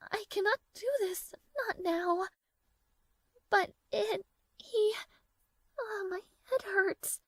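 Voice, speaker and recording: A woman playing a high-voiced, proud young princess. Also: steady tone, dry recording, full character voice. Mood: distressed. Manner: formal, halting, hesitant, prim. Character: proud, flustered young princess with a villainess reputation. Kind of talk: romantic fantasy audio roleplay acting.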